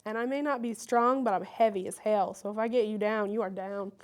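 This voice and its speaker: A woman's voice: medium pitch, fairly even intonation, a little fast. A woman in her thirties giving frank, self-mocking interview answers and laughing often.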